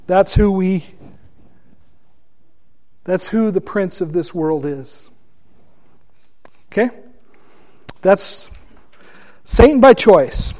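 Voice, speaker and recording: A man teaching a Bible study class, deliberate and asking his listeners questions. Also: high-pitched, lively intonation, darkish tone.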